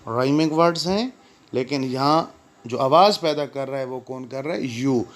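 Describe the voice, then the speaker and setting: An older male English teacher giving a recorded lesson, reading rhyming word lists slowly and patiently explaining each sound. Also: medium pitch.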